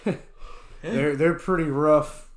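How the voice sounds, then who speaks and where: A man's voice: on the high side, slow, reverberant. A man in casual podcast chat who rambles and repeats himself, saying "you know" often. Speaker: podcast co-host.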